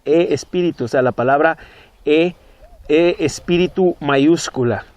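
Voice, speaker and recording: A man's voice: on the high side, measured pace, a little mellow, no room sound. Emphatic male preacher. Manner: emphatic, rising on key words, repeating phrases. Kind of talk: bible teaching.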